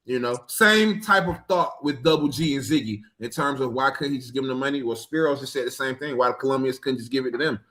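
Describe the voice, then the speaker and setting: A man's voice: medium pitch, fast, hardly any pauses, pushed and bright. A man co-hosting a TV recap podcast in casual chat, enthusiastic and repeating words for emphasis. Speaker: podcast co-host.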